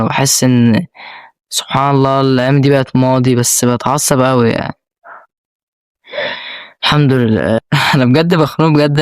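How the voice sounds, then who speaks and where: A man's voice: mid-range voice, clear, resonant tone, no echo, studio quality. A young man with an Egyptian accent, telling an emotional personal story as a vlogger, rambling with many restarts. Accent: Egyptian Arabic.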